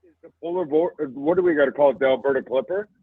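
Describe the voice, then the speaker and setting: A male caller on a bad, breaking-up phone connection, talking in an excitable, rambling way. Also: fairly high pitch, quick pace, slightly rough, dry recording. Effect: bad connection, breaking up phone line. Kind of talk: casual call-in chat. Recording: tinny, breaking-up phone line.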